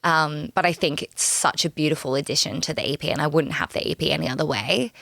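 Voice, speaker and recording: A woman's voice: deep voice, expressive, quick pace, vocal fry, a bit bright, no room sound. A young woman, a musician guest on a podcast, chatting casually and bubbly, laughing often. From Australia.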